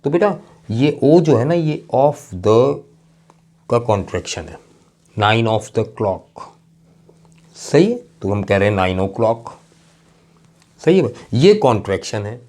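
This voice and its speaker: Man slowly lecturing on grammar. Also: medium pitch, very animated, mellow. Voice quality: slow, drawn-out emphasis on example words. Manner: explains patiently, spells words out slowly letter by letter, checks understanding often. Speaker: English teacher. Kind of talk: classroom lecture.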